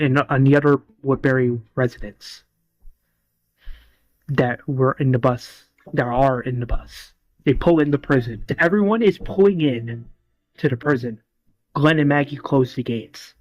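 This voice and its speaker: A man's voice: medium pitch, dry recording, dull audio. A man casually retelling a fan series episode scene by scene, rambling with restarts and acting out quoted lines. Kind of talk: casual spoken retelling of a story.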